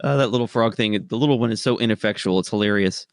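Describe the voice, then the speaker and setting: A man's voice: fairly low pitch, fast talker, clear, resonant tone, no echo, clean studio sound. A man running a tabletop game, chatting and laughing easily with his players over a remote call. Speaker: game master. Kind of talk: casual chat among players.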